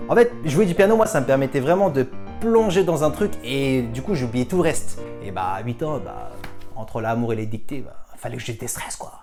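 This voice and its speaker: A young Frenchman answers viewer questions in a casual, self-mocking vlog, switching between languages over background music. His mid-range voice has lively intonation and runs a little fast.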